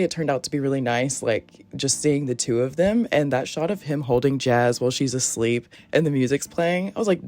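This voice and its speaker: A young woman in her twenties chatting casually in a voice-over, gushing and quoting characters in little voices. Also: very deep voice. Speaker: sketchbook vlogger. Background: soft background music.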